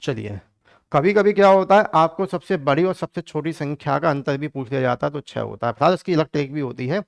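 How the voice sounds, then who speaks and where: A man's voice: a little high, lively intonation, brisk, vocal fry, dry recording, clean studio sound. A man teaching an online exam-prep math lesson in a chatty way, calling his students kids and joking as he works through problems.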